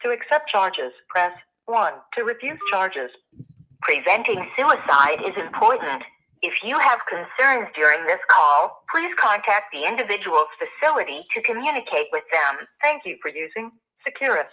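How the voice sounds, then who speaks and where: A woman's voice: medium pitch, big pitch swings, normal speed, pushed and bright. A woman's recorded voice giving an automated prepaid collect call announcement over a phone line, formal and evenly paced. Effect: automated prepaid collect call message over a phone line.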